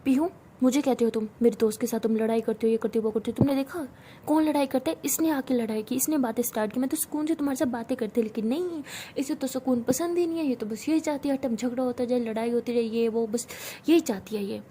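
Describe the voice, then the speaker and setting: A woman's voice: fairly high pitch, quick pace, dark tone, a little hiss or hum, close to an everyday voice. A woman doing a feisty, mocking college girl. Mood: taunting. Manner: mocking, taunting retorts. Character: feisty, sharp-tongued young college woman.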